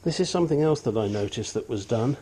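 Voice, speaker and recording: Talking fast with lively intonation, an older man with a sniffly nose shows off his engine work in a cluttered home garage. His mid-range voice is warm and a bit breathy, and as a hobbyist restorer he keeps the walkthrough casual, blunt, chatty and self-deprecating.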